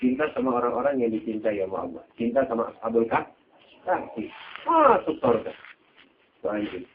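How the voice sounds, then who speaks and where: A man preaching a sermon, telling a story, his voice jumping between high exclamations and low asides. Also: brisk, a little hiss or hum. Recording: tinny phone-like sound.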